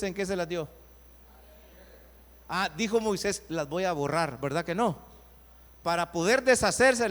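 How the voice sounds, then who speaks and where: High-voiced pastor preaching slowly. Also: male voice. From Guatemala. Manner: preaching with rhetorical questions to the congregation; swings between loud emphatic lines and soft low asides. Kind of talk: sermon. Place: church sanctuary. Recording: long reverb of a church hall.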